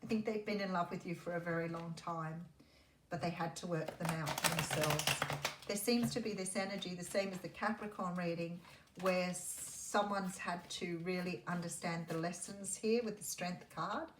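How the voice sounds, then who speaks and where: A woman giving a mystical tarot horoscope reading, speaking in an intuitive, musing way with pauses as she works through the cards. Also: fairly low pitch, steady tone. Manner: intuitive, musing, pausing as cards are turned. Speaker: tarot reader. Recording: roomy echo, faint background noise.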